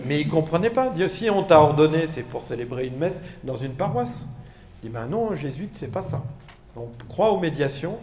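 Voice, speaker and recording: A man who is a Jesuit priest giving a lively, playful conference talk to school staff. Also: on the high side. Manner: animated, playful, makes buzzing sound effects.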